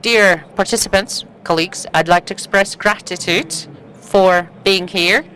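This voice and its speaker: A woman interprets live. Her voice sits at an average pitch for a woman. She speaks slowly, in broken phrases with pauses in the middle of sentences. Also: fairly bright tone, a little hiss or hum. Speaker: conference interpreter.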